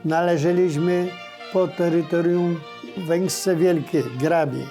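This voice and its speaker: An older man, reminiscing informally in plain, folksy, halting phrases. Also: a little high, steady tone, warm tone, soft background music. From Poland, riverside village in Lesser Poland. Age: older, born 1938. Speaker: local resident recalling village life.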